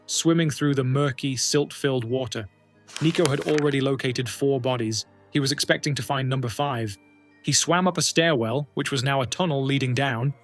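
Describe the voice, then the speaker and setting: A man giving scripted documentary narration, telling a true story in a dramatic, suspenseful way. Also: medium pitch.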